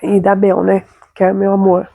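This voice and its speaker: A woman's voice: medium pitch, completely flat delivery, moderate pace, gravelly, warm tone, dry recording. A young adult woman with a Brazilian Portuguese accent, hosting and telling a personal story in a chatty, confiding way with frequent tag questions. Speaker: host.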